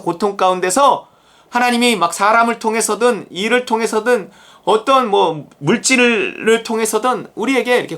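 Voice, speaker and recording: A pastor from South Korea preaching a conversational sermon, emphatic and animated, sometimes acting out prayers. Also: mid-range voice.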